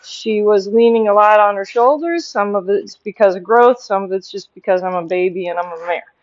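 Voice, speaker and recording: In a horse barn aisle and later an outdoor riding ring, a woman gives hands-on horse training instruction, explaining as she works and breaking off for short commands and praise to the animal. Her mid-range voice is brisk. The sound is lo-fi but has no echo.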